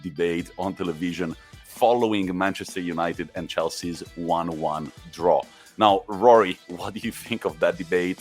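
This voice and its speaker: Deep-voiced man co-hosting a podcast. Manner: chatty, asks questions. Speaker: podcast co-host. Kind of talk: casual football chat.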